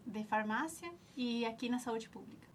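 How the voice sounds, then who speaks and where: An interview guest reflecting on her past, this Ecuadorian nutritionist in her forties speaks with a native Spanish accent in a voice on the high side, at normal speed, over a little hiss or hum. She's an alumna and frequently restarts as she looks for words.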